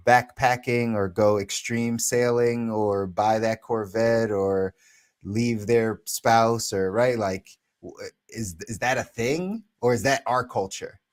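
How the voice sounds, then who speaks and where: A man's voice: fairly low pitch, darkish tone. A man in his thirties co-hosting a podcast, talking things through in a casual, reflective way and often checking in with "right?". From United States. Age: 30s. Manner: reflective, thinks aloud with many "right?" asides. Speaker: podcast co-host. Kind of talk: casual chat.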